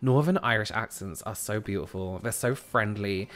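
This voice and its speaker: At a moderate pace, a chatty South London streamer from England talks with his audience and reads chat aloud while gaming. He's in a small room at home on a headset boom mic, animated throughout, and his voice leaps to a high squeal when something excites him.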